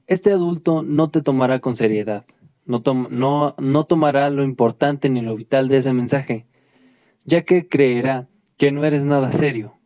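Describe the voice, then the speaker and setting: A man's voice: mid-range voice, no room sound. A man presenting a lesson, talking straight to his listeners and often restarting and correcting himself. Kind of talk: lesson addressing a class. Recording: dull lo-fi dry recording.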